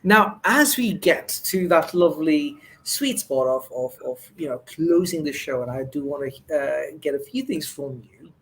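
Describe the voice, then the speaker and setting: A man's voice: a little high, lively intonation, normal speed, few pauses, a bit bright, poor audio. A man hosting an interview show, effusive and full of thanks, with fillers and restarts. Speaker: host.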